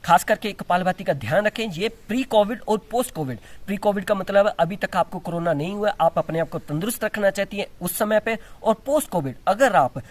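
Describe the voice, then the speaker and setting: In a high, expressive voice, a little fast and with hardly any pauses, a man teaches yoga and breathing exercises. He explains each step while demonstrating, restarting frequently, in the style of an instructional demonstration.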